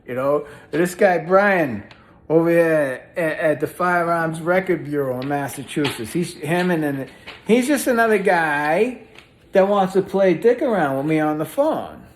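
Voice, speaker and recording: A combative man rants to his audience in a rambling, profane monologue, dropping "right?" after almost every point. His pitch leaps and swoops as he gets worked up, then sinks low again. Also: lively intonation, measured pace, a little hiss or hum. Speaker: vlogger. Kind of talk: ranting monologue to camera.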